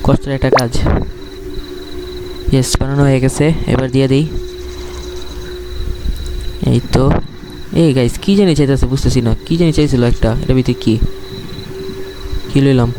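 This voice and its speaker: A male gaming streamer with a Bangladeshi accent gives casual horror game commentary to viewers, sounding scared and jittery as he reacts and asks questions while playing. His voice is medium-pitched and steady, at normal speed with frequent pauses, over a noisy background.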